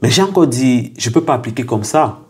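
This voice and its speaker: A man's voice: medium pitch, lively intonation, fairly quick, breathy edge. A young man from Cameroon, earnestly telling his story as an interview guest and repeating phrases for emphasis.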